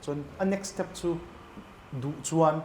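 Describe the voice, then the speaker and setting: A man's voice: slow pace, a little mellow, reverberant, slight background noise. A man explaining his business plans in casual talk, mixing in English business terms. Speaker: entrepreneur guest. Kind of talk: casual conversation. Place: cafe.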